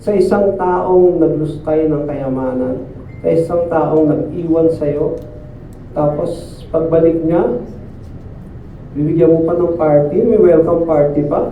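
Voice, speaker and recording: High-voiced man preaching in an echoey church. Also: a little slow, pauses often, dark tone, slight background noise. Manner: conversational, often asks listeners "di ba?". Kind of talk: sermon. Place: church service. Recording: echoey distant phone-like sound.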